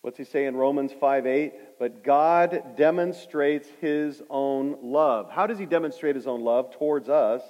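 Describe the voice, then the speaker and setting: A middle-aged male pastor preaching a sermon, swinging from loud emphatic points to hushed, quiet stories. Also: medium pitch, unhurried, hardly any pauses. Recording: dull lo-fi sound with hall reverb.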